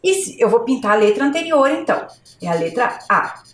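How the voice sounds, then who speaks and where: A Brazilian woman teaching a video lesson to young children, with slow, clear, exaggerated pronunciation. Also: on the high side, very animated. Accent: Brazilian Portuguese. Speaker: primary school teacher. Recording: echoey room.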